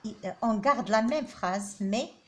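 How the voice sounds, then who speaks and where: A woman's voice: fairly high pitch, takes it slowly, a little hiss or hum. A woman teaching a grammar lesson, who repeats each example sentence aloud and hesitates often with fillers.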